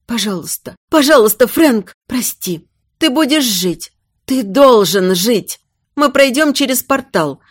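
A woman's voice: fairly high pitch, animated, unhurried, husky, dry recording, studio quality, voice pushed up. A woman voicing a desperate young queen who pleads in a raised voice, near tears. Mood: frantic.

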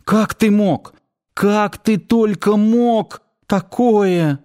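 A tearful young woman in an audiobook, her voice lifted well above the reader's own, as a man puts her on. She scolds and sobs in high, emotional bursts, slightly louder than the narration. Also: very slow. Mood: sobbing.

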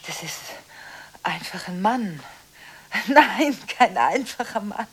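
An actress playing a scattered, jittery woman in a radio drama, stammering through phone calls and swinging between whispers and sudden loud bursts. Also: medium pitch, expressive, slow pace, slightly rough. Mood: defensive quarrel.

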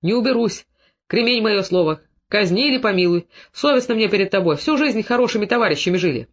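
A man's voice: high voice, lively intonation, quick pace. A man reading the part of a blunt, forthright Cossack father speaking earnestly. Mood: pleading. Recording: dull lo-fi recording.

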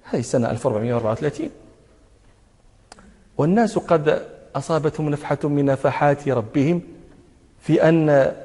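A man's voice: fairly high pitch, fast, long pauses, dark tone, long reverb tail. A man teaching a religious lesson, emphatic, repeating words for stress and chanting his quotations. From Morocco. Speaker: sheikh teaching hadith commentary.

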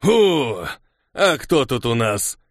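A man's voice: medium pitch, big pitch swings, slow, dry recording, studio quality. A man voicing a brutal, grinning male bandit leader in an audiobook, mocking and gloating.

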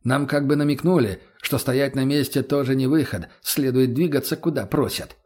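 A man narrating an audiobook in the first person with a plain, steady reading. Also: mid-range voice, moderate pace.

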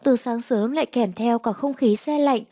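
A woman narrating a romance story aloud in a steady, measured reading. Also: a little high, no echo, clean studio sound.

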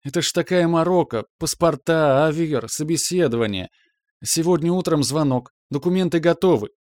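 A man voicing a cheerful middle-aged mother who gushes and chatters excitedly. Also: fairly high pitch, moderate pace, no echo, studio quality, voice pushed up, lightly acted. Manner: chirpy, breathless, gushing.

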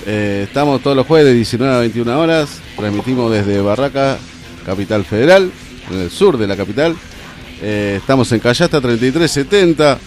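A man with a Rioplatense Spanish accent hosts a relaxed radio talk show from a studio. His voice sits at an ordinary middle pitch, and he strings his announcements together with easy fillers. Faint music plays underneath. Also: brisk. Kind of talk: casual radio chat.

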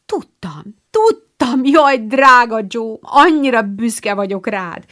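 A shy, gentle teenage girl with a warm heart , as a woman reader puts her on. Her voice lifts above the narration and moves lightly up and down. This is a storybook reading. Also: lowish voice, sing-song.

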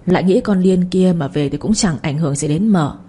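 Mellow husky woman narrating a family saga. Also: fairly low pitch, brisk. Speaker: storyteller. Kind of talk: scripted narration of a serialized family drama.

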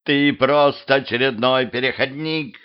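A man's voice: medium pitch, measured pace, smooth, highs cut off, voice pushed up, lightly acted. A man voicing a scheming female ruler of monsters, commanding and shrieking, in a home audiobook.

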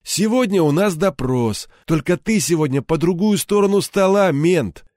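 A man's voice: high-pitched, animated, normal speed, a little mellow, no room sound, studio quality, pitched above the performer's own voice. A man voicing a hardened male ex-cop turned criminal enforcer, who talks in a cold, threatening, mocking way. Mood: menacing.

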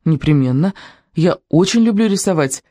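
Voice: medium pitch, expressive, normal speed, mellow, no echo, studio quality, lightly acted. A reader voicing Natasha, an earnest, enthusiastic young girl in an audiobook who loves books and drawing. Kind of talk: audiobook character reading.

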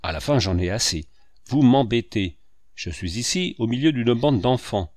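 A man's voice: fairly low pitch, expressive, moderate pace, a little mellow, no room sound, studio quality. A man reading the part of a stern, scornful middle-aged landlord in curt, contemptuous lines. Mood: exasperated.

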